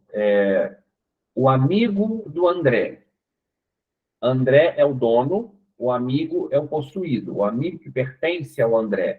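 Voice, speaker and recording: A man's voice: medium pitch, husky. A man with a Brazilian Portuguese accent, an English teacher patiently explaining step by step in an online class, checking in with his students often. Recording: tinny narrowband online call audio.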